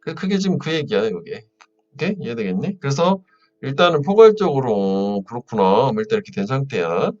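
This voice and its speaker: A man's voice: mid-range voice, recorded from a distance, dull audio. Casual man teaching a reading lesson. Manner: casual spoken style, fillers, asks students checking questions. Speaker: English teacher. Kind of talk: lecture on an English reading passage.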